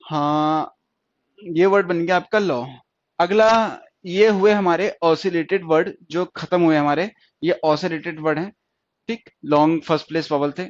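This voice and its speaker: A man's voice: a little high, fairly even intonation, a little slow, no echo. A man teaching shorthand in a classroom lesson, explaining step by step and repeating each point with checking questions. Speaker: stenography teacher. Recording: dull lo-fi dry recording.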